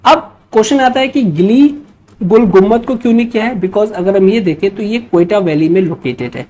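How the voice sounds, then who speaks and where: With an Indian accent, a woman teaches history for exam prep, working through quiz questions step by step and often checking in with short tags. Her medium-pitched voice is expressive, brisk, and warm.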